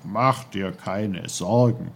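A man voicing a kindly, wise tiny magical man who gently instructs a child, in a husky, slow storybook reading. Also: low-pitched, full character voice. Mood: gentle.

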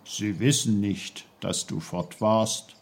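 A man voicing a kindly, wise tiny magical man who gently instructs a child, in a husky, slow storybook reading. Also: lowish voice, fairly even intonation, full character voice. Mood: gentle.

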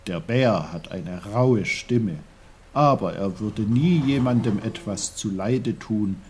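A man voicing a stern but kind old uncle in a storybook reading, explaining things calmly and firmly. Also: fairly low pitch, takes it slowly, a little hiss or hum. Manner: calm, firm, explaining.

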